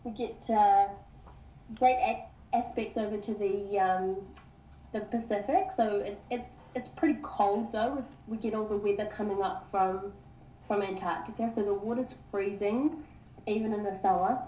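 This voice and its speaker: A woman's voice: mid-range voice, steady tone, a little slow, dark tone, roomy sound, slight background noise, low-quality recording. A woman from New Zealand with a New Zealand accent, a podcast guest chatting casually in a friendly, rambling way. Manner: friendly, rambling, laughs easily. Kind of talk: casual interview chat.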